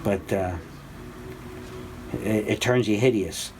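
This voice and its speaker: A man's voice: slow pace, background noise. Older man teaching a rambling spiritual class. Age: 60s. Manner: rambling, conversational, frequent fillers and restarts; grows animated and high-pitched when excited. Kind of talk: informal religious class talk.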